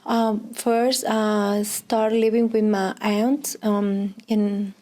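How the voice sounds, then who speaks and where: A Colombian woman in her thirties, a preschool Spanish teacher, is interviewed casually in English, her second language, with a Colombian Spanish accent. Her mid-range voice is mellow and flat, and she speaks extremely slowly. She sounds hesitant, filling pauses with many fillers and laughs.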